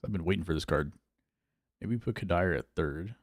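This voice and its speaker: A man with a low-set, gravelly voice chats his way through a gameplay livestream. He muses out loud and answers viewers in a relaxed, easygoing way. The sound is close and dry, with no room around it. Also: normal speed, no room sound. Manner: thinks aloud, reads and answers chat, relaxed. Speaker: streamer. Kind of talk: casual gameplay livestream chat.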